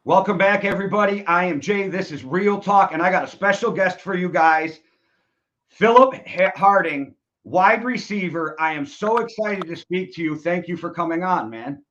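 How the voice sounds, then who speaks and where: A man's voice: high voice, moderate pace, fairly bright tone. A man from Wisconsin hosting a casual interview, eager and chatty as he asks questions. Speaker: podcast host. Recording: dull lo-fi sound.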